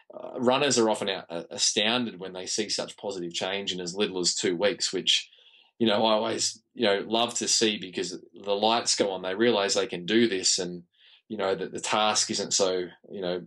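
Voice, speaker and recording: Low, croaky Australian man. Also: a bit bright, low-quality recording. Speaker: podcast guest, running physiotherapist. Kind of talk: conversational explanation in an interview.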